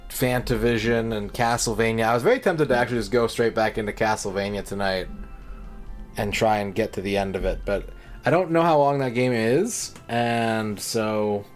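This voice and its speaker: A man streaming on a headset mic, chatting casually and greeting and thanking viewers one by one. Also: medium pitch. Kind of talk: casual livestream chat.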